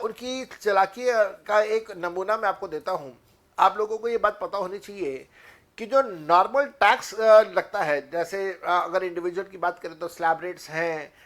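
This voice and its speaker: A man with an Indian accent giving an exam prep lecture on tax, mixing Hindi and English. He reads legal text out slowly and fills pauses with hesitant sounds. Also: sits high, fairly bright tone. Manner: mixes Hindi and English, many filler pauses.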